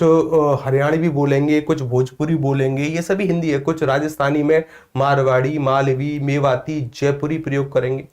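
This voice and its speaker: A man's voice: a little high, darkish tone. Question-and-answer Hindi teacher, man. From Vrindavan area, northern India. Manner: asks the class questions and answers them himself, repeating key points. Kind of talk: exam coaching class.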